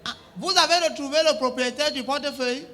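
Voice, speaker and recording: A young adult comedian with a very high, pushed and bright voice performs a comic one-sided phone-call sketch at a slightly fast pace, with a faint crowd in the background. He plays a bossy emergency operator scolding callers in mock-official phrasing.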